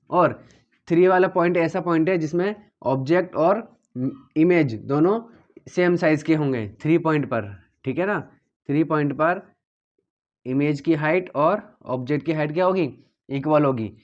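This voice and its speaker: A man walks his students through a physics lesson step by step, going back over each point and checking often that they follow. His voice sits a little high. The recording sounds dull and lo-fi. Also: moderate pace. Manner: steady and repetitive, checking understanding often. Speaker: teacher.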